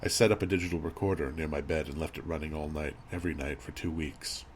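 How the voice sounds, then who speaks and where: Male horror narrator, very deep register, measured and grave delivery, slight background noise and ambience. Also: fairly even intonation. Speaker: creepypasta narrator. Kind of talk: scripted horror story narration.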